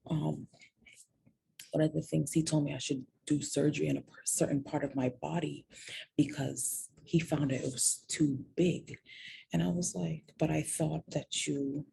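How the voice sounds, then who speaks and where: A woman's voice: low-pitched, steady tone, moderate pace, creaky, dark tone, a little hiss or hum. A woman candidly recounting a personal story, reflective and self-mocking.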